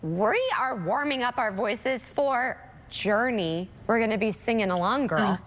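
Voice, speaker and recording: A woman's voice: on the high side, a little slow, fairly bright tone, big-room sound. A woman hosting a morning TV show, bubbly and playful in casual studio chat. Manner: bubbly, playful, calls people girl.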